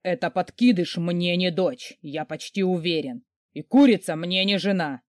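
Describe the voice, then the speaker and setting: A woman voicing an arrogant, sarcastic giant of a man who wheezes and rasps through an allergy attack. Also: lowish voice, moderate pace, no room sound, clean studio sound, lightly acted. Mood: sneering. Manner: mocking, insolent.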